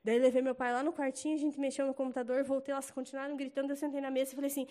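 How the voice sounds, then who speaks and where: A young woman with a Brazilian Portuguese accent speaks in a high voice, telling a church testimony in a casual, chatty way. She acts out quotes loudly and animatedly as she goes. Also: rapid-fire. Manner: chatty, animated storytelling with loud acted quotes. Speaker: church member giving a testimony.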